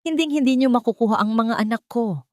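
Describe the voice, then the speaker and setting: A woman voicing a young mother who speaks in a hushed, forced-steady voice to her children. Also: fairly high pitch, quick pace, no echo, clean studio sound, pitched above the performer's own voice, close to an everyday voice. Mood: defiant.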